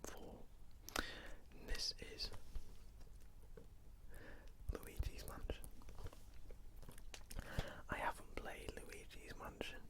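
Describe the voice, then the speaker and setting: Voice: drawn-out words, pauses often. A person whispering closely from ear to ear in ASMR style, chatting in a rambling way about a personal collection. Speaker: ASMR video host showing a game collection.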